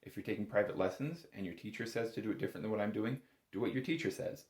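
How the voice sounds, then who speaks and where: In an echoing, roomy space, a man teaches an informal bagpipe lesson, talking fast in a lowish, darkish voice. He hedges and corrects himself often. He puts emphasis on key words.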